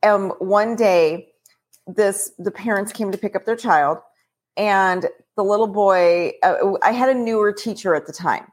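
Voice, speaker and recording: A woman who leads a childcare program, telling stories about children in a relaxed podcast conversation. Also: mid-range voice, unhurried.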